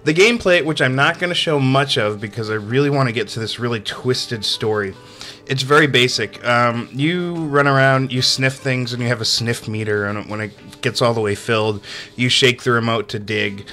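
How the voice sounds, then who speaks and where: This sarcastic video game review voice-over comes from a man speaking at medium pitch and normal speed with a sharp tone. Soft music plays underneath as he chats casually, amused, full of fillers and often bursting into laughter.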